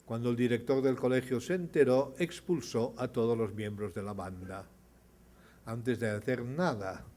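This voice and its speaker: An older man tells stories from a podium, recounting them in a measured voice. When the characters speak, he raises his voice and his volume to act out their lines. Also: medium pitch. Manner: dramatizes dialogue with rising, louder voice. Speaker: speaker at an award ceremony. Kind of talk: storytelling speech.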